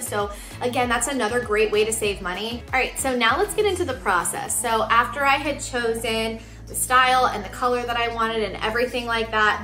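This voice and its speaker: Female home vlogger, 30s, conversational explainer with a bright tone, roomy indoor sound and light music underneath. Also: fairly high pitch. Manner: chatty, explanatory. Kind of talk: casual explanatory vlog to camera. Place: living room indoors. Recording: roomy living-room echo, music underneath.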